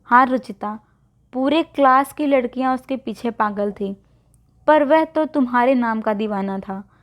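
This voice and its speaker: A woman's voice: a little high, unhurried, lightly acted. A woman storyteller voicing a young woman's close friend who talks in an insistent, coaxing way. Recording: dull lo-fi recording.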